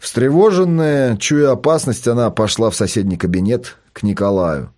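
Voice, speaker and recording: A man narrating an audiobook with lively, expressive storytelling. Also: mid-range voice, moderate pace.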